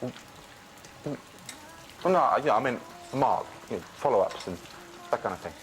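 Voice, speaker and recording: A man's voice: medium pitch, lively intonation, normal speed, slight background noise, lightly acted, rough recording. An actor playing an awkward male doctor in a TV soap who fumbles his words and fixates on food. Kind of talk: TV soap acting.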